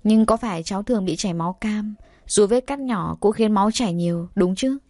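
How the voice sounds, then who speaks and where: A woman voicing a gentle, apologetic middle-aged male doctor in an audio story, soft and measured. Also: medium pitch, dry recording, natural voice.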